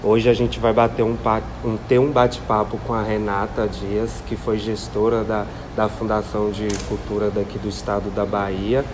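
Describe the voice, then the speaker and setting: A young man, a student, introducing himself and asking interview questions in measured, formal phrasing. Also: lowish voice, completely flat delivery. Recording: noisy recording with background hum.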